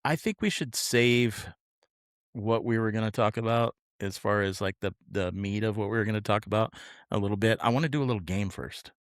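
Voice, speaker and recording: A man's voice: on the low side, fairly quick, dry recording, studio quality. Blunt, teasing podcast man. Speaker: podcast co-host running a game. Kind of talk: casual podcast banter. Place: small undecorated office.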